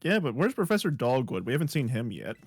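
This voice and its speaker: A man's voice: medium pitch, sing-song, fast talker, husky, dry recording, faint music behind. A man co-hosting a casual podcast chat over a voice call, easygoing and joking. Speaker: podcast co-host. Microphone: computer mic on a voice call.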